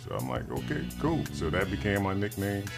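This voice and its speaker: Barber from New Orleans, forties, very low voice, laid-back storyteller, music bed behind. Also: male voice, brisk, vocal fry. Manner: relaxed storytelling, casual slang. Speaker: barber and shop owner. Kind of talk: documentary interview. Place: barbershop, indoors.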